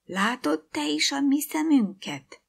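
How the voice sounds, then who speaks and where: A nervous little girl in a storybook, heard in whispered role-play with a breathy, higher whisper. A woman narrator puts her on. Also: expressive, heavily acted.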